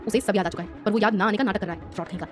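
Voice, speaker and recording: A woman's voice: mid-range voice, rapid-fire, faint music behind, close to an everyday voice. A woman voicing a curt young woman doctor in a storybook reading. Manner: curt, dry.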